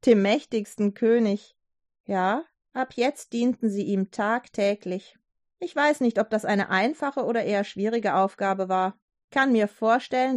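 A woman narrating a Bible story for children, lively, with chatty asides to the listener. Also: mid-range voice, no echo, studio quality.

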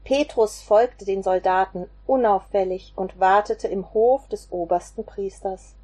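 Slow, expressive woman storyteller. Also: mid-range voice, slightly rough. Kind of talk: reading a children's Bible story aloud.

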